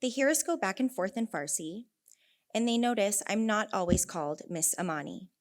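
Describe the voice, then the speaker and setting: With an animated, mid-range voice at normal speed, a young Californian woman tells stories in a prepared conference talk. She's an elementary teacher from Northern California, earnest in tone and given to wry asides.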